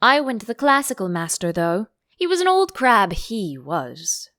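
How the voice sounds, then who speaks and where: A brusque, excitable male beast from a classic storybook, played by a woman. The delivery is blunt, emphatic and full of scorn, as if talking down to a simpleton. The recording is dry. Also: mid-range voice, a little slow, dry recording. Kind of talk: audiobook character voice.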